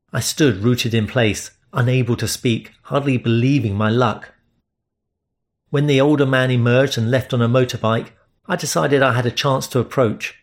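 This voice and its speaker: A man reading first-person romance narration in a steady, measured way. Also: medium pitch. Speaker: audiobook narrator.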